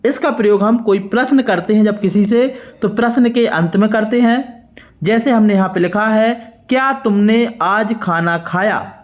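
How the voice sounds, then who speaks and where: High-voiced man teaching a Hindi lesson. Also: a little mellow. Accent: Madhya Pradesh Hindi. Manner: slow, clear dictation of words one by one. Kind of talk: worksheet lesson for school pupils.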